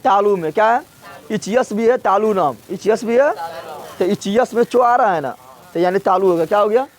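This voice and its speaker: High-voiced teacher drilling syllables. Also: male voice, normal speed. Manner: drills syllables aloud, quizzes students, scolds them. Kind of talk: classroom grammar lesson.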